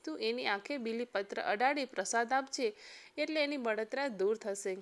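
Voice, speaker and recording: A woman narrating a devotional story in a steady, measured storytelling manner. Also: fairly high pitch.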